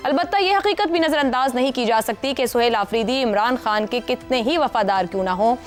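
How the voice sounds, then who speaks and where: A woman hosting a political talk show, reading a formal scripted introduction and then putting questions to her panel. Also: high voice. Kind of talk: news talk show anchor.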